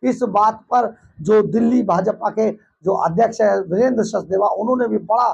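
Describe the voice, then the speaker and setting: A man's voice: high voice, normal speed, vocal fry, darkish tone, husky, dull audio. A man presenting news commentary over footage, combative and mocking.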